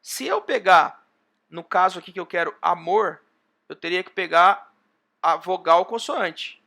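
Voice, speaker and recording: A man's voice: high-pitched, steady tone, unhurried, pushed and bright. A man with a Brazilian accent teaching an online university class, working through an example step by step. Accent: Brazilian Portuguese. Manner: explains step by step, often pointing with "ó". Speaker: university lecturer.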